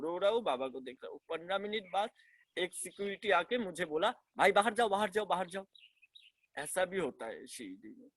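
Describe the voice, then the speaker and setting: A young adult man from West Bengal, India, a devotee, shares his experiences as heartfelt personal testimony, telling his story earnestly and emotionally while stumbling, restarting and repeating phrases. His voice is fairly high and recorded close and dry, with no room sound.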